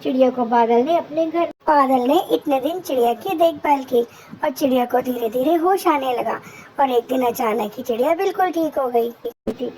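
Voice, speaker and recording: Woman, cartoon storyteller, high voice, simple storybook telling. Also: normal speed, dark tone, a little hiss or hum, low-quality recording.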